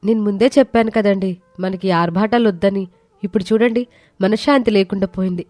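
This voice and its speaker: A woman voicing a sensible young wife who pleads with her husband, for an animated story. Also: mid-range voice, a little fast, dry recording, close to an everyday voice. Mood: pleading. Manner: pleading, cautious.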